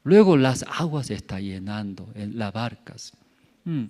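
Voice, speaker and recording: A male pastor preaching a sermon in a church, full of rhetorical questions and repeated words, rising to loud calls and dropping to near murmurs, with some non-native grammar. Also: lowish voice, animated, a little slow.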